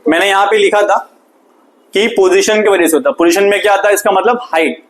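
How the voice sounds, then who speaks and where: A man, teaching a physics lesson through an animated story and repeated questions to the class. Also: sits high, a little fast, poor audio.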